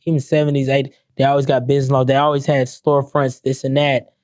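A young adult man ranting comedically to camera, profane and animated, breaking into mock-sung lyrics. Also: medium pitch, quick pace, no room sound. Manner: animated, profane, sings song lyrics mockingly. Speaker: commentator.

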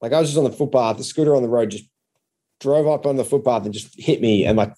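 A comedian with an Australian accent tells anecdotes as a podcast guest, talking fast in a warm, medium-pitched voice. His style is casual and conversational.

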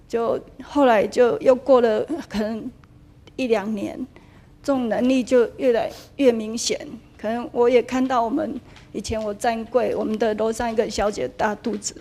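A woman in her thirties or forties with a Taiwanese accent and a fairly high, darkish voice shares her personal story with a spiritual teacher. Attending a dharma hall, she slips into Taiwanese Hokkien whenever she quotes people.

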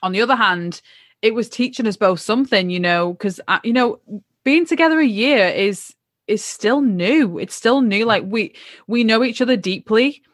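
A woman's voice: fairly high pitch, moderate pace, no room sound, clean studio sound. A woman co-hosting a relationship podcast, speaking in a conversational, spiritual way. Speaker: podcast co-host. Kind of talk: casual reflective chat.

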